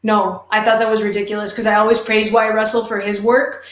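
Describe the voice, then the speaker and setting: A woman co-hosting a casual show chat, talking with enthusiastic, emphatic warmth about a series she loves. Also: mid-range voice, flat delivery, a little fast. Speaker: podcast co-host. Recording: roomy echo.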